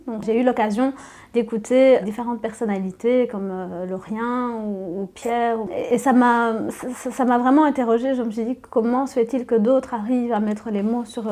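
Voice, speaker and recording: Woman, 20s, from Rwanda, mellow tone, hesitant personal testimony. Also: on the high side. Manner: hesitant, repeating words.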